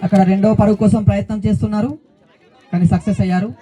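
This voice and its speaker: A man's voice: high-pitched, level tone, racing, dark tone. A man giving live play-by-play cricket commentary as the commentator at a local ground. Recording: outdoor crowd noise, open-air ambience. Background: crowd and outdoor noise.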